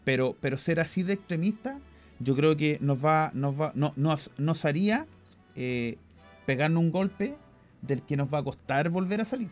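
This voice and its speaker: A man's voice: a little high, animated, normal speed, a little mellow, soft background music. A Chilean man co-hosting a podcast, giving strong opinions in casual discussion and often repeating words as he thinks. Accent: Chilean Spanish. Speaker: podcast co-host.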